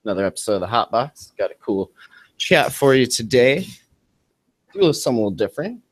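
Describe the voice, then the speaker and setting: A man hosting a casual podcast, talking in a loose, rambling way. His voice sits at an ordinary middle pitch. It is recorded on a close mic in a dry room with no echo. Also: sing-song, fairly quick, husky. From Montana. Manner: loose, rambling, laid-back delivery. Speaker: podcast host. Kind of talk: casual chat.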